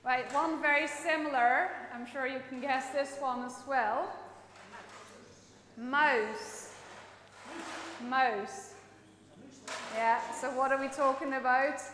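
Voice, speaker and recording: A woman with a Dutch accent leads a lively all-age church talk in a fairly high voice. She is playful and chatty, and often quizzes her listeners. Her voice rings through a big church with a long, echoey tail. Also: moderate pace, hardly any pauses. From Netherlands. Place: church sanctuary.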